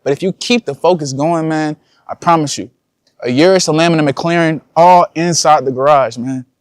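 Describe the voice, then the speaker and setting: A man's voice: fairly high pitch, normal speed, no echo, studio quality. A young man, a content creator, talking casually and slangily to his viewers in a vlog. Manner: casual slangy talk, addresses viewers as y'all.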